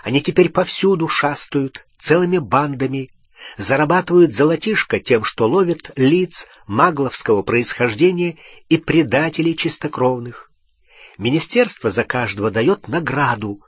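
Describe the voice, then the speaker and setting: Man doing a defensive teenage boy, guilty, pleading, raised lively voice, husky, dry audiobook recording. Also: mid-range voice, moderate pace, no echo. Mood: explaining. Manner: pleading, shouting back defensively. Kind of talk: audiobook character voice.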